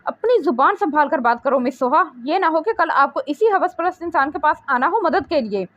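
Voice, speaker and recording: A woman's voice: high-pitched, lively intonation, fairly quick, no echo, lo-fi sound. A woman reading the lines of an arrogant, flirtatious male boss in a teasing, mocking way. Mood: smug.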